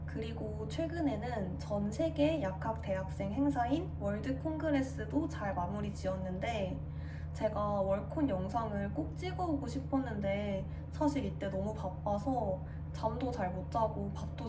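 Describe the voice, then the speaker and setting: A woman in her twenties, a pharmacy student, answering viewer questions in a friendly, even way in her new apartment. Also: medium pitch, echoey room, distant mic, background noise. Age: 20s. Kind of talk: casual Q&A monologue.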